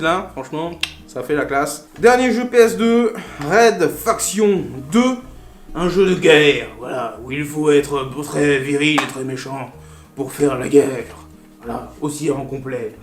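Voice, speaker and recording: Guy chatting through a game unboxing, loose and jokey, lots of ums, high-ish voice, roomy sound w/ quiet music behind. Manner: chatty and playful, full of fillers and asides. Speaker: retro game collector and video host. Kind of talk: casual unboxing chat. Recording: roomy echo with faint music.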